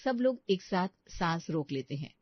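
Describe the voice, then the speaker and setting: A woman narrating a family story in a calm, even voice, in a dull, dry recording. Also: on the low side, moderate pace, no echo.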